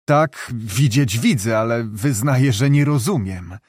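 A man's voice: medium pitch, a little slow, a little mellow, slightly rough, no room sound, studio quality. A man voicing a proud young male doctor who speaks with controlled, cold irony. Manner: controlled, ironic.

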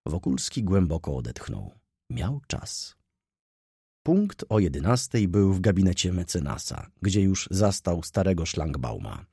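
A male narrator reading a classic novel aloud in a deep, husky voice. His pitch moves in lively curves as he tells the story at a measured pace. The recording is dry and close. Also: no room sound. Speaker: audiobook narrator.

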